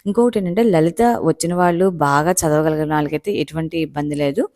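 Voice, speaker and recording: A woman's voice: deep voice, brisk, a little mellow. A woman hosting a home channel, patiently explaining step by step with many fillers. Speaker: home-maker channel host. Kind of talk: casual home tutorial.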